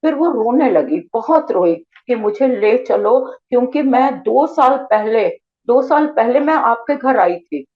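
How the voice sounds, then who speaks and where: An older woman from Jammu recounts a family story, earnest and explanatory, often pausing to clarify a word. She speaks very slowly in a somewhat high voice. The recording is a little dull and lo-fi. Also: animated. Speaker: storyteller sharing a family experience. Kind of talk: spoken personal storytelling.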